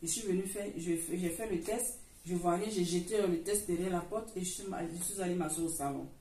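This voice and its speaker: A woman's voice: lowish voice, brisk, warm tone. A middle-aged woman from Africa, giving an earnest church testimony and retelling it with many restarts. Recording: roomy echo, far from the mic, faint noise.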